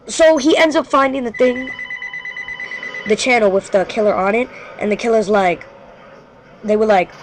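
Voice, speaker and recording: A host spins a creepy tale live in a loose, unscripted way. The voice sits at a middle pitch, and the telling keeps stalling and restarting as the speaker corrects themselves mid-sentence. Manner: rambling, frequently corrects itself. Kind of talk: casual live storytelling.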